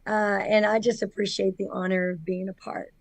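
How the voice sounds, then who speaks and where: A woman's voice: medium pitch, level tone, normal speed, gravelly, dry recording. A woman from Missouri with a slight Southern accent, a minister talking earnestly with frequent fillers. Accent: Southern American. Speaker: minister and conference speaker. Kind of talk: casual chat.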